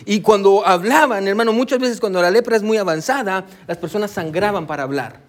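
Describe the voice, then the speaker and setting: A man's voice: high voice, brisk. A male pastor preaching a sermon, with a preacher's cadence and frequent "amén" and "hermano" asides. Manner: code-switches with English "so".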